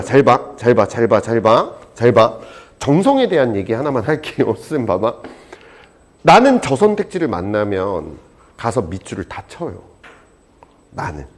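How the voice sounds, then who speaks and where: A man teaching a high school exam prep lecture, animated and jokey, swinging between loud and soft. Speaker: Korean language teacher.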